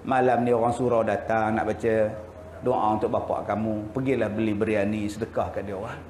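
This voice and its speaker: A man with a Malaysian Malay accent voicing a grieving village widow who speaks softly to her son. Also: fairly low pitch, steady tone, a little fast, a little hiss or hum, voice pushed down, close to an everyday voice. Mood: subdued. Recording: roomy hall echo.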